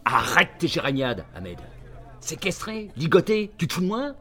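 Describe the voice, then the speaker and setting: Swingy-pitched, foul-mouthed bullying agent. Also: male voice, very animated, moderate pace, a bit bright, soft background music. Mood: furious. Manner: sarcastic, bullying, blunt. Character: foul-mouthed, irascible, sarcastic male agent barking orders. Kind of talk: radio drama acting, phone-call monologue.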